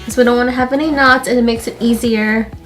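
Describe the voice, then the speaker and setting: Her pitch is a little high and her intonation fairly even, and she talks fast with a somewhat bright tone while soft music plays underneath. Congested but friendly, the YouTuber chats through her hair tutorial, peppering it with "literally" and "like."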